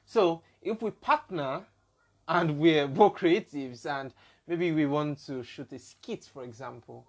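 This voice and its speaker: A man's voice: fairly high pitch, takes it slowly, a little mellow. A man with a Nigerian accent hosting a casual podcast discussion, building his points through examples. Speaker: podcast host.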